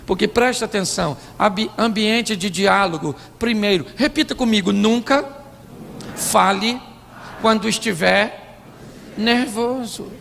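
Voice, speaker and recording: A man's voice: high-pitched, a little slow, vocal fry, fairly bright tone, a little hiss or hum. A man with a Brazilian Portuguese accent preaching a comic, stand-up style sermon to a live audience, acting out voices and quizzing the crowd. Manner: playful, acts out quoted voices; asks the audience sim ou não. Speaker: pastor. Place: church hall before an audience. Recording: live hall reverb, faint audience.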